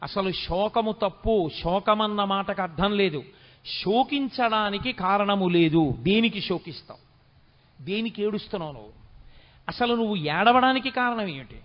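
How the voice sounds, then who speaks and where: A middle-aged man giving a spiritual discourse on scripture. He chants verses slowly and then fires off quick scolding rhetorical questions. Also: high voice, animated. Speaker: religious discourse speaker. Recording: dull lo-fi recording with long hall reverb.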